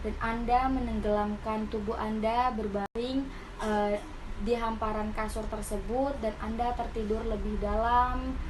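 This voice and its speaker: A woman guides a hypnosis relaxation like a hypnotist, with soothing, repeated suggestions. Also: on the high side. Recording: clearly noisy recording with ambience.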